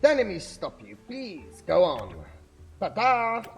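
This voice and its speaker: A man's voice: sits high, wildly swooping pitch, takes it slowly, creaky, soft background music, voice pushed up, full character voice. A man voicing a mischievous chained prisoner in a video game, sly and wheedling, breaking into mocking laughs. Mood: sly, gleeful.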